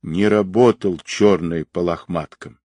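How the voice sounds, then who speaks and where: Reader doing a tired crook pleading earnestly, low husky voice. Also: male voice, fairly even intonation, a little slow, mellow, no room sound. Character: weary male criminal, sincere and grim.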